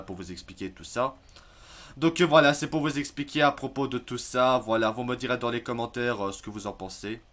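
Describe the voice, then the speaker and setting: A man giving casual spoken commentary on news articles, hesitant, filling pauses and restarting his sentences. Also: mid-range voice, a bit bright. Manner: hesitant, many fillers and restarts, admits stumbling over words. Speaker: YouTube news vlogger.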